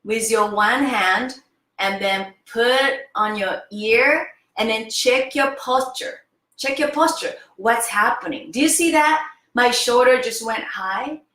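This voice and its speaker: A lively woman in her fifties leads a face yoga class, her voice sitting a little high. She is eager and chatty, often pausing to ask the viewer "okay?" The room around her has a noticeable echo. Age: 50s. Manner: enthusiastic, keeps checking in with "okay?". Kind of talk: interactive online lesson.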